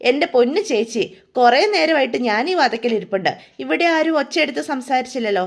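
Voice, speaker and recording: An anxious younger sister, voiced by a woman storyteller speaks in urgent, worried bursts. Her voice is high and carries a slight rasp. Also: animated, fairly quick, heavily acted.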